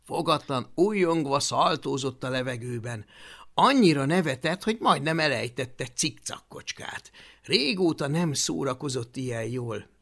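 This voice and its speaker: Lively audiobook reader doing a kids story, bright gravelly voice. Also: medium pitch. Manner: animated storytelling. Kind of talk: expressive audiobook narration.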